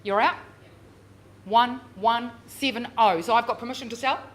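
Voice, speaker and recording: A woman working as a real estate auctioneer, calling bids live with drawn-out repeated figures and chatty coaxing of bidders. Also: fairly high pitch. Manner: drawn-out, repeated bid calls. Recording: noisy live auction room.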